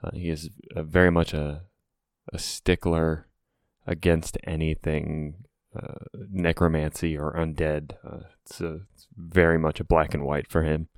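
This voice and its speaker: A man, a tabletop game player, casually introducing his character and himself in a halting, meandering way. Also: rumbling low, flat delivery, clean tone, no room sound, studio quality.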